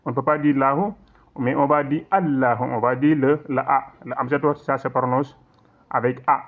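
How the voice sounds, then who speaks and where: A man's voice: mid-range voice, steady tone. Man teaching recitation over a tinny line. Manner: patient, repetitive explaining with frequent check-ins; slow drawn-out recitation in demonstrations. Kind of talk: online lesson explaining recitation rules. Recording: tinny phone-like audio.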